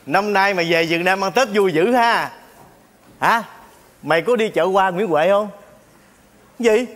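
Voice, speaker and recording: A man's voice: high-pitched, a bit bright. An exasperated, teasing man. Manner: exclaims often, teasing banter. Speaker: stage comedy actor. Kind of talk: stage sketch comedy.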